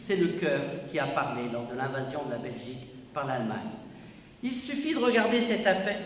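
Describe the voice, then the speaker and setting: A man, president of a local history society, giving a formal inauguration speech with emphatic, declamatory delivery in an exhibition hall. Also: sits high. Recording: echoey hall, voice from a distance, faint room noise.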